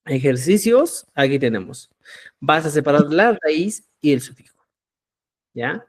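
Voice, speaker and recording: A man teaching a live online language class, speaking slowly and with emphasis, and often checking whether the students follow. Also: a little high, expressive. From Peru. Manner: checks understanding with repeated "¿ya?"; slow, emphatic drilling of example words.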